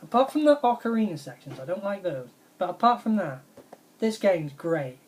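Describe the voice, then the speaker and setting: A woman's voice: fairly low pitch, big pitch swings, normal speed. A woman, casually reviewing her favourite retro video games in an enthusiastic, rambling way and repeating her praise. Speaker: video game vlogger.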